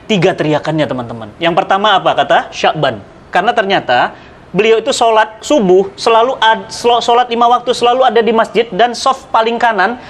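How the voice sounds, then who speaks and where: Animated storytelling preacher man. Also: fairly quick. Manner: dramatic, swings pitch and loudness while acting out anecdotes; addresses listener directly, persuasive. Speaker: Islamic preacher. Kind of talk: animated religious storytelling in conversation.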